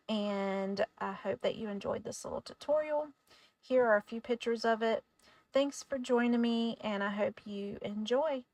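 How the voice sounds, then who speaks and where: A woman talks through a paper craft project in a relaxed, chatty voice-over. She sometimes trips over her words. Her voice sits in a middle range and sounds dry and close. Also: mid-range voice, dry recording. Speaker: craft tutorial host. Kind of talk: casual voice-over tutorial.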